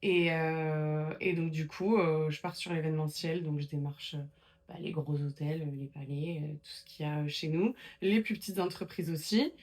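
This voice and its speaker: A chatty woman telling her story in a relaxed interview, with a slightly low voice. She talks in a loose, conversational way, full of fillers and restarts. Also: moderate pace. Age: 20s. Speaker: guest. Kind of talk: casual interview chat.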